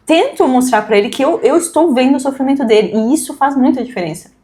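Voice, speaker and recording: A woman's voice: high voice, expressive, fast talker, darkish tone. A woman with a Brazilian Portuguese accent, a podcast host and mother, talking earnestly in casual conversation and acting out the quotes she tells. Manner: earnest, explains at length and acts out quoted speech.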